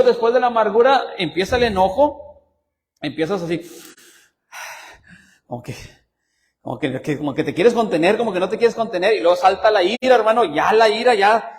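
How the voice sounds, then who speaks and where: A male pastor preaching a sermon, building emphasis with frequent asides to his congregation and bits of teasing humor. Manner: lively pitch swings, teasing humor. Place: church sanctuary. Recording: long church reverb.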